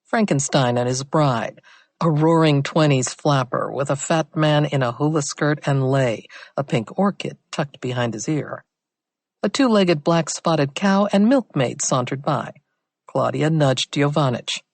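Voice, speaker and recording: A woman narrating a mystery thriller audiobook in a steady, measured way. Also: low-pitched, gravelly, no room sound. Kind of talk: scripted narration.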